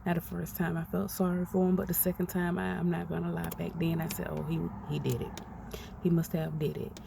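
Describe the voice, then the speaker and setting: A woman's voice: lowish voice, level tone, fairly quick, creaky. A woman, ranting her opinions in a blunt, outspoken, profane way. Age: 40s. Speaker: commentator ranting on a podcast. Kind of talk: casual opinion rant. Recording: noisy, distant from the mic.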